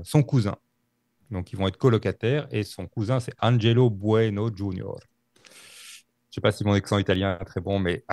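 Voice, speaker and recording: Man, podcast storyteller, low pitch, gravelly texture, halting delivery. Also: darkish tone, no room sound, studio quality. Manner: halting, many fillers and restarts. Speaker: podcast co-host telling a true-crime story. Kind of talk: casual storytelling.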